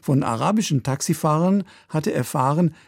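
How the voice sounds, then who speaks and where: A man narrating a scripted radio news report in a measured, even delivery. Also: fairly high pitch, gravelly, dry recording, clean studio sound.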